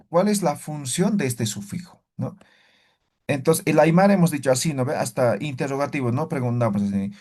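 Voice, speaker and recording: Man teaching an Aymara class, lively pitch. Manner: checks in often with "¿ya?" and "¿no ve?"; animated, exaggerates rises and falls to demonstrate. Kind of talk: online class lesson.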